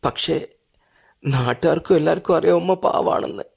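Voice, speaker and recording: Actor as a gentle grown son in a family drama, earnest and soft-spoken, with a gravelly edge. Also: male voice, on the high side, normal speed, full character voice. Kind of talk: Malayalam family drama acting.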